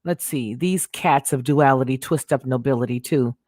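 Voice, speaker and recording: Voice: mid-range voice, a little mellow, no room sound, studio quality. A livestream host talking casually, rambling and restarting sentences while reading viewer comments aloud and answering them. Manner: talks back to chat with quick affirmations.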